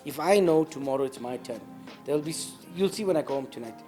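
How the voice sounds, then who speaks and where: Laid-back, mellow-voiced man co-host. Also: a little high, expressive, fast, soft background music. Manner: laid-back, emphatic, stubborn banter. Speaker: podcast co-host; father. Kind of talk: casual chat.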